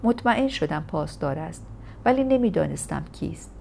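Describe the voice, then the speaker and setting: A woman with a fairly low voice reads a first-person memoir aloud, keeping an even, measured storytelling pace. Her delivery is a steady audiobook narration, with a faint hiss of noise behind it. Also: gravelly.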